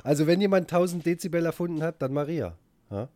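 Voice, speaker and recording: A man hosting a casual podcast chat, talking in a halting way with repeated words. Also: fairly high pitch, expressive, dark tone, no echo. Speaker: podcast host.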